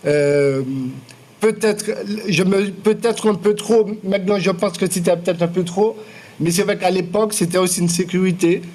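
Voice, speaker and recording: Hesitant Martinican man, higher voice. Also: darkish tone. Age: 40s. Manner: measured, many fillers and restarts. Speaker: artist interviewed. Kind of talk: public interview, hesitant and reflective. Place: lecture room.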